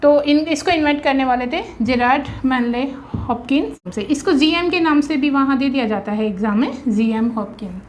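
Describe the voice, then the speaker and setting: High-voiced Indian woman teaching exam prep. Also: slight background noise. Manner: explanatory, drills rhyme schemes slowly letter by letter; often checks with "ठीक है".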